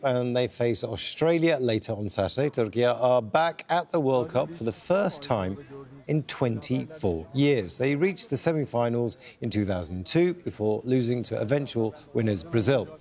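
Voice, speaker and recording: Male studio anchor, expressive news read. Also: mid-range voice, moderate pace. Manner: lively, varied intonation. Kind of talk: news presenting.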